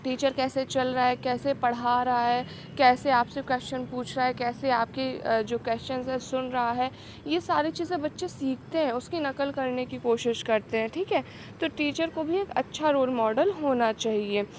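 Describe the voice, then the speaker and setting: Fairly high-voiced woman lecturing on pedagogy. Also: moderate pace, darkish tone, a little hiss or hum. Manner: explains in Hindi mixed with English terms, frequent "ठीक है" check-ins. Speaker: teacher exam coach.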